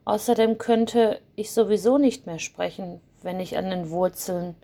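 A woman voicing a gentle, timid young fir tree that speaks softly and apologetically in a storybook. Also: mid-range voice, unhurried. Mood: worried. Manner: soft, apologetic.

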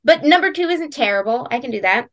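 A woman's voice: high-pitched, animated, fast talker, fairly bright tone. A woman hosting a casual podcast chat, hesitant and full of ums and uhs. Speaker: podcast host.

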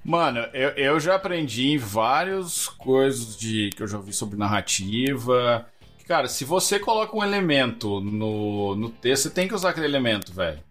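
A man in a laid-back podcast chat, talking in slang and holding forth on how to write a story. His pitch sits in the middle range, with faint music behind him. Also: sing-song, moderate pace, a bit bright. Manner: slangy, lectures about writing and narrative.

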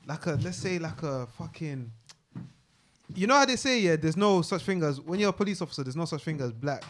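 Young guy w london roadman accent, highish voice, really animated, slangy chat with mates. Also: fairly quick, slight background noise. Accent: London roadman, multicultural London English. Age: young adult. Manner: animated, emphatic storytelling with repeated phrases. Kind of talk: casual group chat, heavy street slang.

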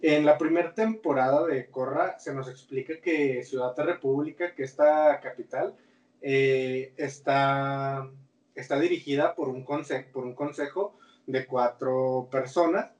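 A man's voice: medium pitch, a little slow, darkish tone, lo-fi sound. Slangy Mexican man, distant roomy mic. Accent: Mexican Spanish. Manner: slangy, rambling, restarts often. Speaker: podcast co-host. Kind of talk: casual chat about a cartoon series. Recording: roomy sound, set back from the mic.

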